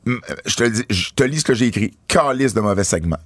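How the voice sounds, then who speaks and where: A man with a Quebec French accent hosting a casual wrestling podcast, animated and quick with asides. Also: lowish voice, dry recording, clean studio sound. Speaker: podcast host.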